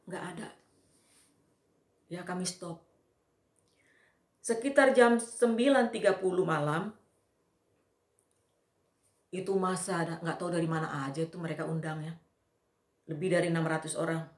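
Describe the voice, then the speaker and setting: A woman giving an earnest eyewitness testimony, telling the story with repetition. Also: on the low side. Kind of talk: personal testimony. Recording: echoey room.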